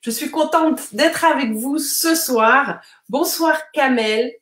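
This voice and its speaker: A woman's voice: high voice, slow, a bit bright. A woman French teacher hosting a live-streamed vocabulary lesson, explaining patiently and greeting viewers from the comments, with frequent fillers and tag questions. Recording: roomy echo.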